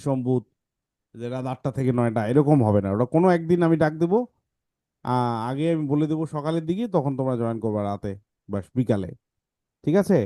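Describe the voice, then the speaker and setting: Male teacher, patient explainer, mellow voice, dry close sound. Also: a little high, no room sound. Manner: explains patiently, reads examples slowly. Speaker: English teacher. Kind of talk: online class talk to kids.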